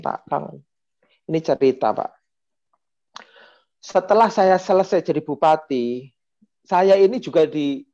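A man's voice: on the high side, vocal fry. Man, 40s, panel speaker, heartfelt storytelling, dull lo-fi audio. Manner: emotional, animated storytelling with acted quotes. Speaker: panel speaker, former regent. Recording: dull lo-fi sound.

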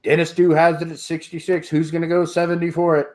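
A fast-talking middle-aged auctioneer hosts a live online auction from home, surrounded by sports memorabilia. His bid calls follow a steady, repetitive beat, his voice sits slightly high for a man, and he laughs often between calls. An earbud headset on a video call picks up the sound.

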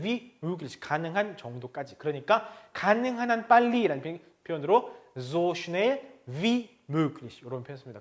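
A man teaching a German lesson to Korean learners, asking questions and answering them himself. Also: sits high.

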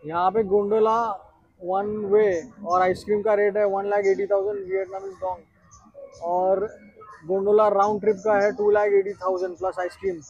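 एक युवा पुरुष ट्रैवल व्लॉगर, बाहर पर्यटन पार्क में कैमरे से बोलते हुए, उत्साह से बातें करता है और हिंदी में अंग्रेज़ी शब्द मिलाता है।. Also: male voice, sits high, normal speed, husky, no echo, dull audio. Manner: chatty, excited, mixes English into Hindi. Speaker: travel vlogger. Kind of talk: casual travel vlog.

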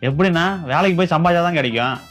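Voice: medium pitch, very fast, a bit bright, soft background music. A speaker in a comedy skit, lecturing in a bossy way.

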